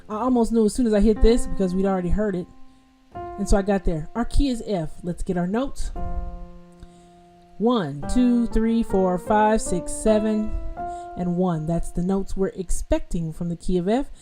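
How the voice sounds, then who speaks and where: Talking straight to her viewers during a live-streamed piano lesson, this woman keeps a medium-pitched, mellow voice and a normal speed. Her speech is casual, sprinkled with fillers and restarts, and she uses a home streaming mic whose level can be adjusted.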